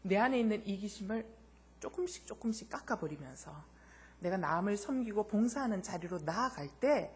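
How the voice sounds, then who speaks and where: Husky-voiced woman pastor preaching. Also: mid-range voice, animated, normal speed, darkish tone. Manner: addresses the congregation directly with rhetorical questions; tells anecdotes, acting out the voices. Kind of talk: sermon.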